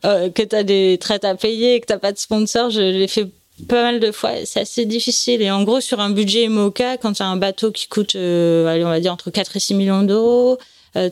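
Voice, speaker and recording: A woman in her forties from France talks through her plans and memories in an easy, conversational interview manner. The recording is close and dry, with no room sound, and her pitch sits in an ordinary middle range. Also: dry recording. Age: 40s. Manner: explains at length in a relaxed, conversational way. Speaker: guest, offshore sailor.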